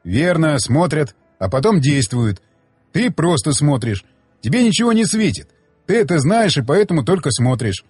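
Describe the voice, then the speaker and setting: A man's voice: a little high, big pitch swings, moderate pace, a little mellow, breathy edge, no room sound, faint music behind. A male audiobook reader voicing a blunt, mocking male companion who lectures like a patient mentor. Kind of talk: audiobook dialogue reading.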